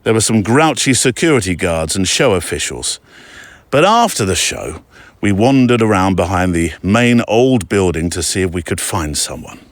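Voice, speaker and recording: A man hosting a podcast, reading a listener's letter aloud in a chatty, digressive way with quick asides. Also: low-pitched, sing-song, no room sound. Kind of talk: casual storytelling read-aloud.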